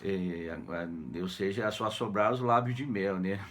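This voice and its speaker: A man's voice: on the low side, moderate pace. A man with a Brazilian Portuguese accent, a teacher casually retelling a classic novel for students, slangy and jokey, always tagging "né?". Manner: jokey, slangy, constant "né?" tags, acts out characters' lines. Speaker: literature teacher.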